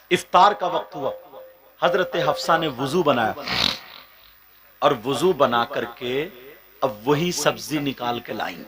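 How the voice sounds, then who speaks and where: A man delivering an emotional religious sermon to a live gathering, questioning the crowd and rising from soft asides to shouted, half-sung passages. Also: fairly high pitch. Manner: keeps questioning the audience directly. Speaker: preacher. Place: stage before a live gathering.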